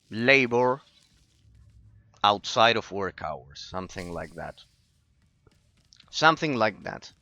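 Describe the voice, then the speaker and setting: A gaming streamer from Argentina chats casually as he plays, answering his chat and rambling repetitively about philosophy. The recording is muffled with no room sound, and his medium-pitched voice is bright and forceful.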